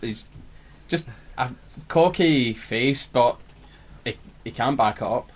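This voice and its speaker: A Scottish man on a podcast with an ordinary mid-range voice, giving blunt opinions in a relaxed, chatty way. He talks freely and keeps the conversation going. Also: medium pitch, takes it slowly. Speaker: podcast co-host. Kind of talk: casual chat.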